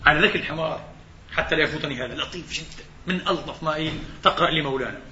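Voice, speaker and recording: A man lecturing on religion at a brisk pace. He throws rhetorical questions at his audience and answers them himself, in a bright, forceful voice. The recording is roomy and somewhat dull. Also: a little high, slight background noise.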